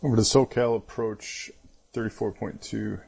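A man with a husky, creaky voice making pilot radio calls over a cockpit-style headset. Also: on the low side, fairly even intonation, normal speed, darkish tone. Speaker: pilot in an online flight simulation.

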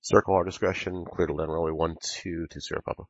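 A man flying a simulated plane, reading back clearances in clipped radio phraseology through a cockpit headset, with frequent hesitations. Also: low-pitched, flat delivery, fast talker, no echo. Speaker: pilot flying a flight simulator on an online air traffic network. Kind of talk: radio calls to air traffic control. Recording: muffled lo-fi radio audio.

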